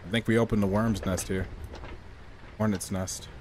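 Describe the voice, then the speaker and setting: A man streaming a ghost-hunting game, chatting casually and loudly scolding an unseen ghost in mock anger. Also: fairly low pitch, steady tone, moderate pace, background noise. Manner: mock-scolding, loud playful taunting. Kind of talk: casual gaming chat.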